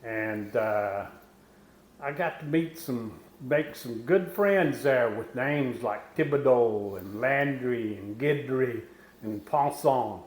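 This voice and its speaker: A man in his sixties speaks with a West Texas twang at a slow pace. His medium-pitched voice has a folksy, unscripted manner, pausing often as he walks through a cooking demonstration. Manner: folksy, unhurried, with pauses. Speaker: home cook presenting a recipe.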